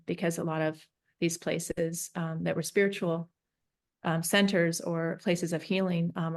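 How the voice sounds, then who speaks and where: A woman from Northern California, a peacemaker and facilitator, talking through her thoughts in an interview with many pauses and restarts. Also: lowish voice, gravelly. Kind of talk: reflective interview talk.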